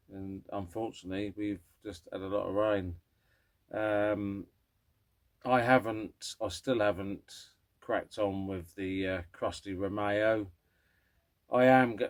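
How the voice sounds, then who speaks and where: Deep voiced bloke, middle aged, grumpy old man type, rambling on casually for his car vlog. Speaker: host of a classic car vlog.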